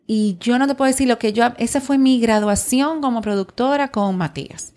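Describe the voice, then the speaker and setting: A woman from the Republic, a film producer telling stories in an interview, animated and full of restarts. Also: on the high side, fairly quick. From Dominican Republic. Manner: animated storytelling with frequent restarts. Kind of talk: interview guest talk.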